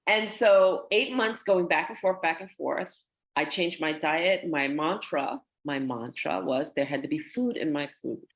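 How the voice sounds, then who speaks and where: A woman's voice: sits low, unhurried. A woman, a guest, telling her story in a conversational way and acting out the people she quotes. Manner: animated, acts out quoted dialogue.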